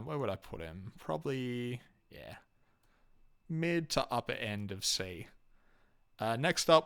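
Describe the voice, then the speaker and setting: A young Australian man rambles through his opinions in a loose, halting way, full of ums, uhs and restarts. His voice sits a little low and comes across smooth and clean. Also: a bit bright. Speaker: YouTube host ranking game companions. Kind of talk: casual unscripted commentary.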